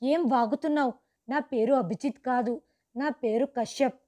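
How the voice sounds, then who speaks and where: A woman's voice: high voice, normal speed, mellow, lightly acted. A woman voicing a rich, arrogant man who scolds and brushes people off curtly in a storybook. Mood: dismissive, irritated. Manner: curt and scolding.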